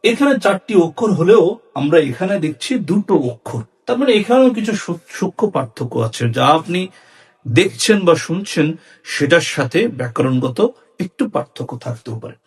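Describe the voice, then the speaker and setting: A man with a Bangladeshi Bengali accent, a fairly high pitch and a slightly husky grain, teaches a diction lesson. His delivery is measured and clear, and his voice rises and falls as he walks through each point. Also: very animated. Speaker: speech and debate instructor. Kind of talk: educational lesson on Bengali syllables.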